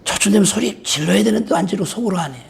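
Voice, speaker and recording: High-pitched, gravelly pastor preaching fervently. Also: male voice, lively intonation, very fast. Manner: fervent, folksy preaching with playful asides. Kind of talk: Pentecostal-style sermon. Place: church sanctuary.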